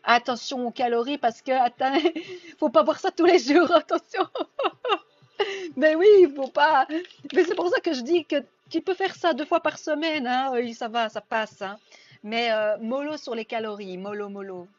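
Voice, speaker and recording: Speaking at a normal pace in a slightly high voice, a Belgian woman with a Belgian French accent holds a casual live-stream chat, reading and responding to viewer comments. The recording is dull and lo-fi, with faint music behind her.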